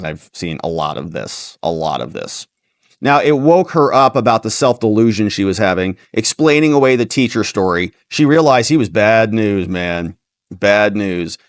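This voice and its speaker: A man hosting a livestream commentary, reading out a news story and cutting in with sarcastic remarks of his own. His pitch jumps around a lot as he reads, and the sound is dry and close to the mic. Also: no echo. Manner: animated, sarcastic asides. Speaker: host.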